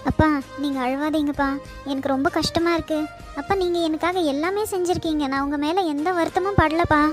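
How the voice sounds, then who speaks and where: A woman voicing a gentle, dutiful young woman in a cartoon, speaking softly and meekly. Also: high-pitched, fairly even intonation, a little fast, faint music behind, natural voice. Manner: soft, meek.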